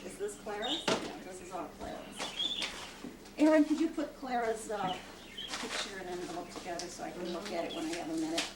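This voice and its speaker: A woman's voice: fairly low pitch, fairly quick. A woman in her fifties at her own birthday in a family home, chatting casually, reading cards aloud, exclaiming and trailing off mid-sentence. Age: 50s. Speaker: birthday celebrant. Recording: echoey room, distant mic, loud background noise.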